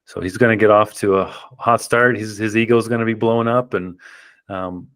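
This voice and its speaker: Low-voiced rambling podcast host. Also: male voice, steady tone, a little fast, a bit bright. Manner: rambling with many ums and restarts. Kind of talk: casual chat.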